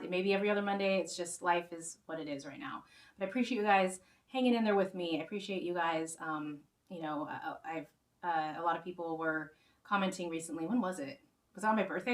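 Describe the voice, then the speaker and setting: Chatting loosely with viewers on her own music show, this woman rambles and keeps restarting her sentences. She has a fairly low, slightly bright voice that sounds a little worn, as if she's starting to lose it. The sound is roomy and distant-miked, with faint guitar in the background.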